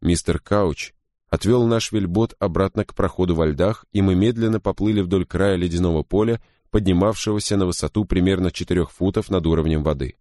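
A man reading a first-person story as an audiobook narrator, in a steady, grave way. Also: low voice, brisk, no echo, studio quality.

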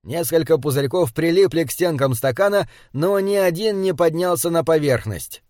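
Steady male audiobook narrator. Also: a little high, moderate pace, no room sound, studio quality. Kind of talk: scripted narration.

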